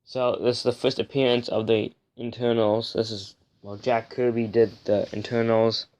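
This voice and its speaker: A man's voice: mid-range voice, level tone, normal speed, a little mellow, highs cut off. A young man hosting a casual, rambling review, pronouncing his R's like W's and sometimes slipping on his L's. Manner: says w for r, sometimes slips on l. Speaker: host of a comic book review show.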